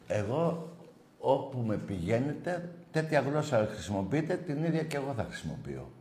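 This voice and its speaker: A foul-mouthed man hosts a football call-in show, scolding callers and erupting into shouts. His voice has a middling pitch. The room around him is echoey. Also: very animated. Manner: combative, swearing, shouting bursts. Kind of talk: rowdy call-in football talk.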